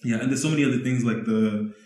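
A man's voice: mid-range voice, quick pace, a little mellow. A young man from Zambia, a rapper and guest, talking casually and laid-back with slang and frequent laughter. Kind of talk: casual conversation. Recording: roomy, echoey room.

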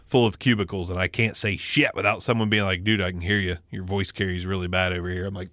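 A man's voice: deep voice, steady tone, fast, fairly bright tone, dry recording, clean studio sound. A man co-hosting a casual fantasy football podcast from home over a remote call, joking and blunt, with a voice that carries. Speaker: podcast co-host. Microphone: remote call mic.

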